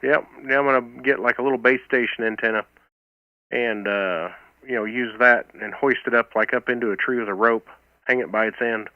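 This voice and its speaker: Heard over a band-limited two-meter amateur radio link, an American man runs a net, calling for check-ins and chatting casually. His medium-pitched voice is fairly quick with fairly even intonation, and the recording is dry and phone-quality.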